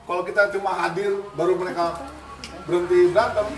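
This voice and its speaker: A man's voice: sits high, steady tone, a little fast. A man, a dog behavior trainer, explaining and coaching owners in a firm, casual way, mixing in English commands. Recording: roomy, distant mic, music behind.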